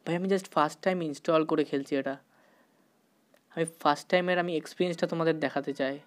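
Excitable man narrating a horror game. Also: on the high side, fast. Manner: excitable, panicky outbursts, mixes English exclamations; sometimes talks softly out of fear. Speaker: gaming YouTuber. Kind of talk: horror game let's-play commentary.

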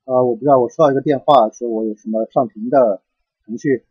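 Wary fast man on a phone line. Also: medium pitch, fairly even intonation, husky, no room sound. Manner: hesitant, wary, deflecting. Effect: heard over a phone line. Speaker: call recipient. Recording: muffled dull phone line.

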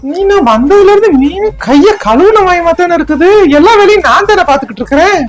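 A woman's voice: very high voice, animated, fairly quick, faint music behind. A woman in a scripted comedy sketch, grumbling and complaining in asides.

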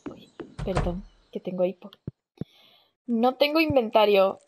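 A woman's voice: medium pitch, lively intonation, a little slow, noisy background. Chatty young Spanish woman gaming. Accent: Spain Spanish. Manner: chatty, swears casually, reacts aloud while playing. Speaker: gaming channel host. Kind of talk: casual let's-play commentary. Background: game music.

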